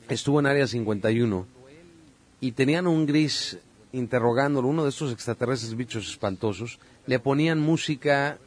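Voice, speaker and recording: A man, talking earnestly on a podcast, telling stories with many filler sounds. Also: medium pitch. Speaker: podcast guest speaker on religion and UFOs. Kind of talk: casual podcast talk.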